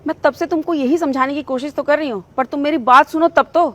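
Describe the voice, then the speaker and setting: A woman's voice: sits high, fast, a bit bright, no room sound. A woman playing a polite, pleading mother. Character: polite middle-aged mother and official. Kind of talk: acted short skit.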